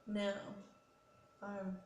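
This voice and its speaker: With a medium-pitched, slightly mellow voice, she talks extremely slowly and completely flatly. She's a knitting podcast host with a head cold, rambling through a casual, friendly show-and-tell, peppered with ums and corrections of herself, recorded with roomy echo and faint noise.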